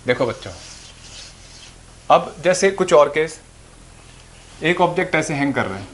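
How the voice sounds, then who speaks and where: A man's voice: fairly high pitch, big pitch swings, a little slow. A man teaching physics to students, explaining patiently and answering his own questions as he goes. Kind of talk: classroom lecture. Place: classroom or room with a board.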